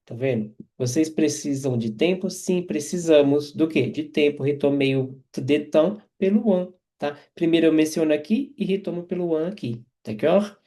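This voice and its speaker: Male French teacher, slightly high, mellow tone, patient explainer who keeps checking understanding. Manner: repeats and checks in with quick tags. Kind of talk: explaining grammar with example sentences.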